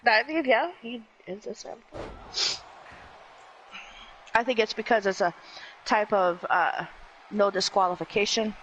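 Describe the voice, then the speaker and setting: A laid-back co-commentator chatting over a simulated wrestling match. The voice is bright and clear. They often hum agreement and then ease into explaining the rules. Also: mid-range voice, unhurried, long pauses, muffled recording. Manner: laid-back, agreeable, with many short murmured acknowledgments.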